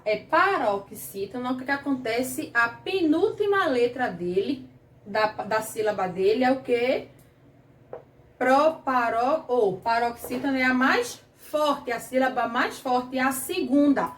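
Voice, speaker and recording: Her voice is high as she leads children through a grammar lesson, asking them questions and lingering on key words with patience and a Brazilian Portuguese accent. She's far from the mic, and the room reverberates.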